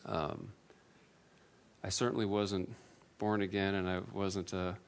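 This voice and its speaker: A man giving a personal testimony to an audience, earnest and self-deprecating, with halting restarts. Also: deep voice, fairly even intonation, gravelly, smooth. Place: room with an audience.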